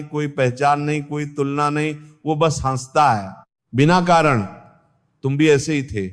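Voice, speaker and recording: Slow calm guy doing a spiritual talk, middle pitch, keeps asking the listener stuff. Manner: measured, repetitive, addresses the listener directly with questions. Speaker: spiritual teacher. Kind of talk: spiritual discourse.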